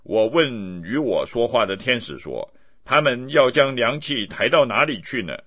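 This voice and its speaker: A man giving a steady, measured scripted reading of scripture. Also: mid-range voice. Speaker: Bible reader.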